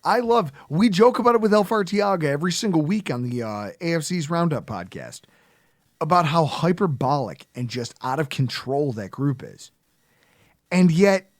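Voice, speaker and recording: A man's voice: on the high side, no echo, studio quality. A man, co-hosting a podcast and telling stories with a lot of laughter and animation. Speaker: podcast co-host. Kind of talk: casual chat.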